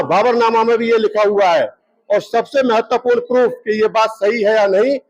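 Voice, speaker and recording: A man's voice: very high-pitched, dull audio. A man, a party wing's state president, giving an insistent, explanatory statement to reporters.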